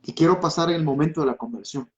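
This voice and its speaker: A man's voice: a little high, quick pace. A man, a pastor and church singer, giving an emotional testimony with impassioned storytelling, acting out quoted voices. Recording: slightly dull lo-fi audio.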